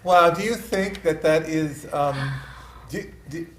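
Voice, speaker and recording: A man's voice: fairly high pitch, slow pace. Hesitant man co-host in an echoey room. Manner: reactive, interjecting, hesitant. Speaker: co-host and producer. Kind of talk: casual chat, keeping the show on time. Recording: echoey room with faint ambient noise.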